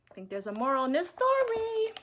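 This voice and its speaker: A woman's voice: very high voice, wildly swooping pitch, a little fast, a bit bright, slight background noise. A woman teacher reading a picture book aloud to children, with chatty, playful asides. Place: home.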